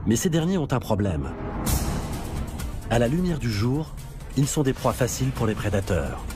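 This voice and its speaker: A man's voice: medium pitch, sing-song, moderate pace, over music. A man reading scripted narration for a nature documentary.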